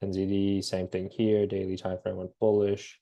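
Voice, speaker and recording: A man with a head cold walks through trading charts in a relaxed, halting way, full of ums and restarts. His voice sits a little low and carries a slight rasp. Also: highs cut off. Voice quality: raspy. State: has a cold, slightly raspy. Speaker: forex trading analyst. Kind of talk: casual screen-share market breakdown.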